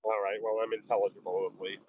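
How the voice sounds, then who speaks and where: A man playing a tabletop game, talking on his phone in a halting way with many fillers. His voice comes through muffled and lo-fi, like an old newsreel. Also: fairly low pitch, level tone, slight background noise. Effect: muffled lo-fi sound like an old 1940s newsreel. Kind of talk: casual game chat, recapping his character's research. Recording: tinny phone line, lo-fi old-newsreel sound.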